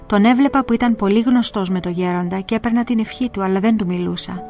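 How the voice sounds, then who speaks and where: Calm woman narrating over soft music. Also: medium pitch. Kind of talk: first-person storybook narration. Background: faint music.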